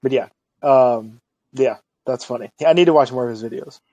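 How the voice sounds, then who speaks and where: A man's voice: medium pitch, brisk, no room sound, highs cut off. Laid-back man in his thirties, dry sound. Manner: relaxed, rambling, many fillers. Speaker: podcast co-host. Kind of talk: casual chat.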